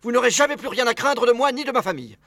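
A man's voice: very high voice, lively intonation, racing, a bit bright, no echo, studio quality, pitched above the performer's own voice, full character voice. A man playing a panicked pleading hunter. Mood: frantic. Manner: frantic, pleading, promising in a rush. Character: frightened pleading male hunter, middle-aged father. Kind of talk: audiobook character reading.

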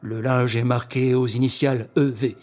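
A man's voice: medium pitch, flat delivery, normal speed, a little mellow, lightly acted. Man doing a pompous old magistrate. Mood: self-satisfied. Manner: pompous, emphatic, self-assured. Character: pompous older male examining magistrate, self-satisfied.

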